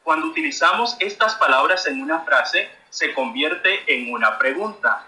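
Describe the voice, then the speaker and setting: Bright-voiced man teaching children. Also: on the high side, expressive, moderate pace, roomy sound, poor audio. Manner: friendly, addresses children directly with questions. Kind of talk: children's grammar lesson.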